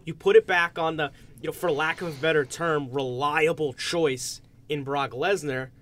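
Male podcast host, fairly high voice, casual sports-talk delivery. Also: fairly even intonation, normal speed, a bit bright.

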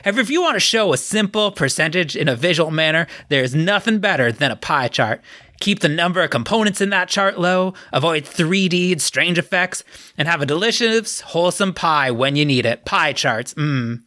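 A man putting on the voice of an earnest middle-aged male sponsor announcer, reading slowly and solemnly. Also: fairly high pitch, animated, bright, forceful tone, dry recording, clean studio sound. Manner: slow, solemn ad-read delivery.

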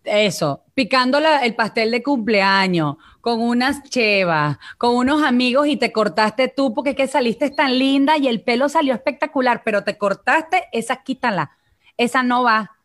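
A woman's voice: a little high, animated, normal speed, fairly bright tone. A woman from Venezuela, a vocal coach and guest, talking in a coaching tone and addressing listeners directly in a live online interview.

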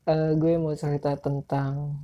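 A man's voice: on the high side, completely flat delivery, measured pace, warm tone, lo-fi sound. A man with a Jakarta Indonesian accent and a speech impediment on his r's, hosting a casual solo podcast in an informal, rambling, self-deprecating way. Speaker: podcast host.

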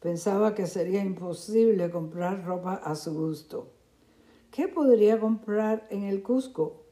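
A woman narrating a story slowly in a measured, clear reading. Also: mid-range voice, mellow. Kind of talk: slow storybook narration for learners.

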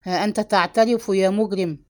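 A woman's voice: on the low side, moderate pace, darkish tone, lightly acted. A woman reading a harsh older patriarch. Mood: stern, angry. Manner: gruff commanding outbursts. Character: stern harsh older male family patriarch.

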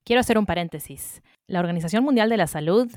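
Argentine woman co-host, quick supportive interjections, mid-pitched voice, dry close mic. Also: lively intonation, darkish tone, no echo. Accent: Argentine Spanish. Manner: brief, supportive interjections and factual asides. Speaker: podcast co-host. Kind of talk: casual chat.

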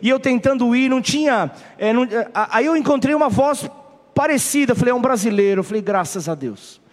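A man's voice: extremely high pitch, fairly quick, big-room sound. A man with a Brazilian Portuguese accent, a pastor telling a funny story in a sermon. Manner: humorous animated storytelling.

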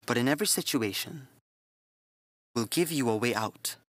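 A man voicing a calm, devout middle-aged nun who speaks with gentle, motherly earnestness. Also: mid-range voice, moderate pace, dry recording. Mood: earnest.

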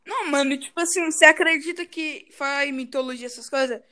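A woman's voice: high voice, a little fast, crowd noise. A woman with a Brazilian Portuguese accent, chatting casually with plenty of slang.

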